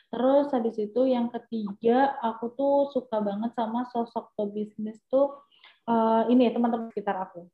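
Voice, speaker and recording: Young woman chatting away in an interview, lots of fillers, kinda dull muffled audio. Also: medium pitch. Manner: chatty, animated, with many fillers. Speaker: entrepreneur guest. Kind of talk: casual interview chat. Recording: echoey, dull lo-fi sound.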